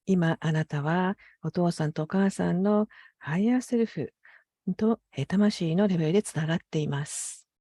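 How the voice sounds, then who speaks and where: A woman's voice: on the low side, normal speed, dark tone, no room sound, studio quality. A woman working as an interpreter for a guided meditation, speaking politely and carefully with hesitant phrasing. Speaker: consecutive interpreter.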